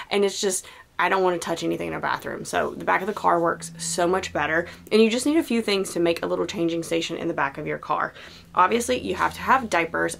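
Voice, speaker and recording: A woman's voice: fairly low pitch, gravelly, slight background noise. A young woman giving casual, chatty practical tips as a mom vlogger, with many "like" fillers. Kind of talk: casual how-to vlog.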